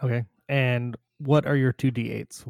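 A man's voice: medium pitch, measured pace, gravelly, crowd noise. A man narrating and explaining rules as game master of a tabletop game. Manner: relaxed, chatty rules explanations.

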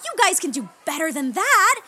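A woman's voice: extremely high pitch, big pitch swings, moderate pace, very noisy. A woman playing a bubbly children's party clown who hosts in singsong puppet-show patter to children. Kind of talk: exaggerated children's entertainer performance.

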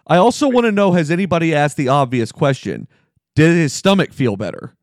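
A man's voice: on the high side, expressive, fairly quick, no echo, clean studio sound. A man co-hosting a basketball podcast, laid-back and joking as he chats. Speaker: podcast co-host. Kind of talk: casual sports chat.

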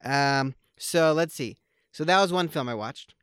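Podcast co-host, male: easygoing rambler, smooth and resonant voice, close and dry. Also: fairly high pitch, measured pace, a bit bright, dry recording. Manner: rambling, with many fillers and restarts; joking, wry. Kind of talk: casual conversational film chat.

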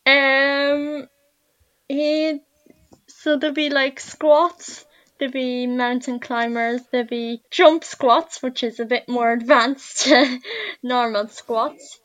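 A woman's voice: high-pitched, fairly even intonation, takes it slowly, fairly bright tone, dry recording. A woman with a west of Ireland accent, a podcast guest giving informal explanations in an interview.

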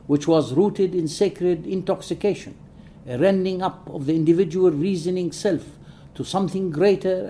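His pitch runs on the high side as this man, not a native English speaker, delivers a scripted scholarly lecture. The pacing is deliberate, with light, hesitant pauses.

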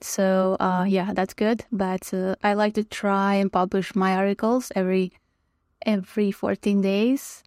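Woman from Croatia as podcast guest, relaxed chat, laughs a lot, dry close mic. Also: mid-range voice, a little slow, no echo. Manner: friendly, laughs often, many fillers. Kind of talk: casual chat.

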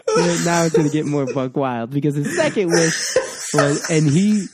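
A man's voice: a little high, very noisy. A man in casual chat, retelling a story in a profane, exasperated and mocking way.

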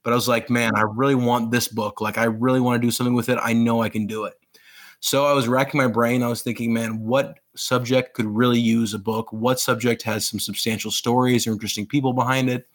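A man's voice: mid-range voice, flat delivery, fairly quick. Eager rambling man in his thirties. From grew up in Pakistan. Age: 30s. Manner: eager, rambling, with many fillers and restarts. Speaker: author being interviewed. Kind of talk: casual interview storytelling.

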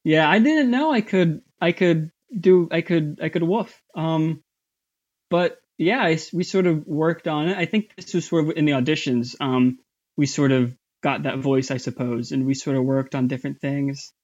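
A man chatting as an interview guest, his voice sitting a bit high and his speech halting, full of fillers and restarts. The recording sounds dull and lo-fi. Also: darkish tone. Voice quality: somewhat high voice. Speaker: voice actor guest. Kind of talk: casual interview chat.

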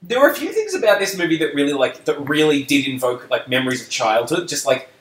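A man's voice: fairly high pitch, quick pace, slight background noise. A man co-hosting a podcast, chatting casually about a movie, telling stories and laughing often. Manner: animated, storytelling, laughs often. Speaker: podcast co-host. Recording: echoey room.

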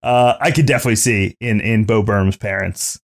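A man co-hosting a casual podcast, thinking aloud haltingly with many fillers and restarts. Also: fairly low pitch, creaky. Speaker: podcast co-host. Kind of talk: casual chat reviewing a show.

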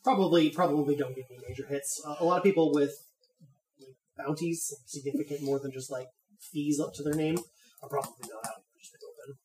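A man running a tabletop role-playing game, improvising narration in a halting, hedging way. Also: fairly high pitch, a little mellow. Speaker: game master. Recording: roomy, distant mic, faint noise.

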